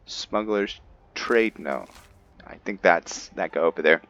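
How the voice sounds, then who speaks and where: With background music behind him, a man who hosts a gameplay roleplay series thinks aloud and talks to his audience in a hesitant, casual way. His voice is deep and a bit bright, and he speaks slowly.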